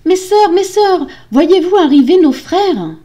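Terrified young wife, done by a woman in a fairy-tale reading, high, shaky, pleading. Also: big pitch swings, moderate pace, dark tone. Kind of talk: storybook reading.

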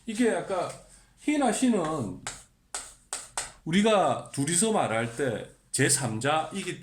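A male teacher walks beginners through simple grammar, pausing to ask the listener questions and repeating example sentences slowly and deliberately. His voice sits a little high and moves in a lively way. The sound is roomy and echoey. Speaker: English teacher.

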